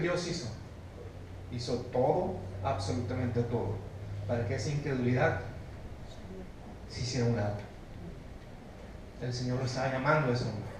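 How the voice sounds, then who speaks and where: A man with a Mexican Spanish accent preaching a sermon as pastor, emphatic, moving between loud exhortation and low, hushed stress while questioning his congregation. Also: background noise. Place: church sanctuary. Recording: very echoey church recorded from a distance.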